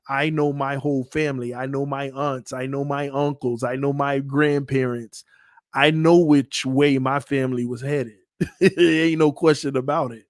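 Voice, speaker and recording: Candid thirty-something man, slightly high voice. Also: no echo, clean studio sound. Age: 30s. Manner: candid, laughs often, many fillers and restarts. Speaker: channel host. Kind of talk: casual personal storytelling.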